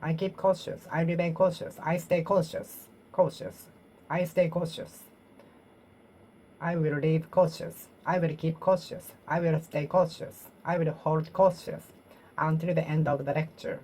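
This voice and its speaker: Alone and practicing her English, a woman with a Japanese accent keeps saying phrases over, pausing to fix and rework them as she goes. She has a deep voice with a steady, dark tone, and a little background noise can be heard.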